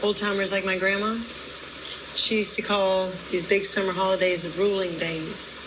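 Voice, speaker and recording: A woman's voice: mid-range voice, flat delivery, normal speed, noisy background, lightly acted. An actress playing a folksy local woman in a TV drama. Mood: matter-of-fact.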